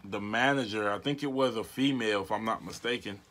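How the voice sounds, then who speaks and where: An American man in his twenties doing a casual prank vlog, talking in a slangy, halting way to a phone and camera in a bedroom. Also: lowish voice, a bit bright. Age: 20s. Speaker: prank caller and video host. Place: small bedroom, indoors. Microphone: device mic at arm's length.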